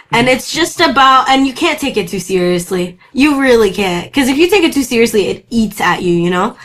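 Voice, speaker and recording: In a casual interview, a young actor from Brazil, a native Portuguese speaker, talks in a voice on the high side. She's lively and laughs frequently, repeatedly starting her sentences over.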